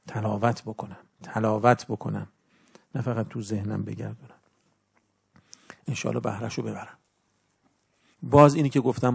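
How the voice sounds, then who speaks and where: Gravelly preacher man giving a sermon. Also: medium pitch, a little mellow. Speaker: religious preacher.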